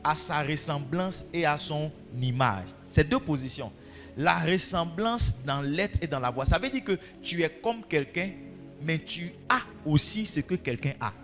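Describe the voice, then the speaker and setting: A man's voice: a little high, lively intonation, a little slow, a bit bright, in a large hall, faint music behind. A male pastor preaching a sermon, asking his congregation questions and repeating key phrases for emphasis.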